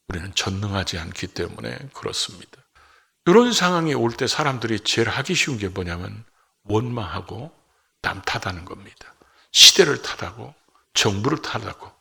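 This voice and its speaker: Middle-aged male pastor, gravelly and husky, sermon delivery with loud emphatic swells. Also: lowish voice. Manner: rises to loud emphatic peaks, acts out quoted voices.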